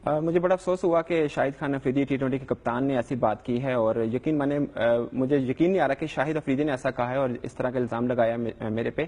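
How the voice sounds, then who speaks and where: A man's voice: mid-range voice, hardly any pauses, a little mellow, long reverb tail. A young adult man, a sports reporter, answering questions in a live news interview in an earnest, defensive way with frequent hesitations.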